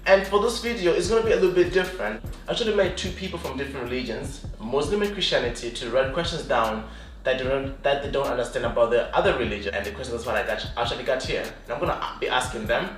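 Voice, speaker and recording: A man hosting a casual video chat with two guests, lively and jokey, often laughing. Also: mid-range voice, fast. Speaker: host. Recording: echoey room, voice from a distance, faint music behind.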